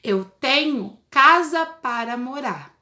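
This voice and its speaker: A woman voicing a gentle sighing snail. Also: high-pitched, animated, slow pace, roomy sound, heavily acted. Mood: content. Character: small gentle male snail, content with his shell.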